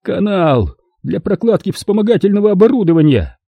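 Male reader putting on a frantic casino boss, high and shrill, husky edge, dry close sound. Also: sing-song, a little fast, dry recording, narrow, tinny audio, exaggerated voice. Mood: dazed. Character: hysterical middle-aged male casino boss. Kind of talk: audiobook character voice.

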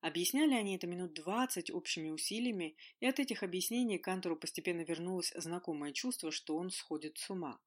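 Female audiobook narrator, fantasy, expressive, lowish voice. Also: fast, few pauses.

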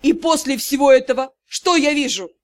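A loud, exasperated young gnome man , read by a woman, rants and scolds with theatrical indignation. The pitch sits fairly high for a man, as a woman's audiobook voice stretches down to him. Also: normal speed, lightly acted. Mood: scolding. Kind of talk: audiobook character reading.

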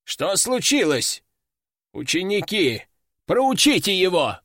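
A man's voice: high voice, sing-song, slow pace, a bit bright, dry recording, studio quality, heavily acted. A man voicing a stern, domineering old male sorcerer who leads his students, giving orders and threats. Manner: commanding and threatening. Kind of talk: audiobook character voice.

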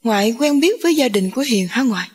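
A woman's voice: fairly high pitch, animated, fast talker, darkish tone, husky. A woman voicing an earnest young man who asks with urgent, anxious pleading. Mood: worried, pleading.

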